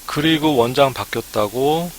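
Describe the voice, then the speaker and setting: A man's voice: mid-range voice, normal speed, slight background noise. A man giving a live-streamed lecture to would-be academy owners, chatty and peppered with "ne" fillers. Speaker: academy startup consultant.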